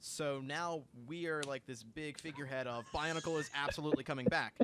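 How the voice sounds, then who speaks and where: With a crowd audible behind him, a young co-host chats casually on a livestream in a slightly high, slightly fast voice. He's an excitable storyteller who restarts a lot.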